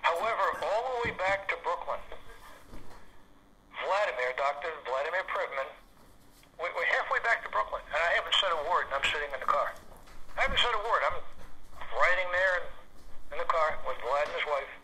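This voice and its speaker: A man's voice: fairly high pitch, expressive, a little fast, pauses often, sharp tone, slight background noise, rough recording. A man from Massachusetts, an author being interviewed, telling a long story with hesitant fillers. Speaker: author, guest.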